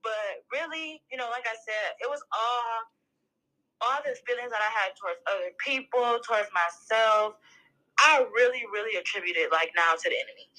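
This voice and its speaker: Bright, high-voiced young woman, candid. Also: poor audio. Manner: candid and emotional, talks fast in bursts. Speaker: podcast guest. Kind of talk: casual chat.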